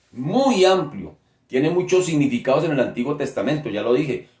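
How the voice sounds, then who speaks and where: A male preacher delivers a sermon at an unhurried, deliberate pace, leaning hard on key words and checking in with his listeners. His voice sits at an average pitch and rings out in a roomy space. Soft instrumental music plays faintly behind him. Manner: slow, emphatic teaching with direct questions to listeners.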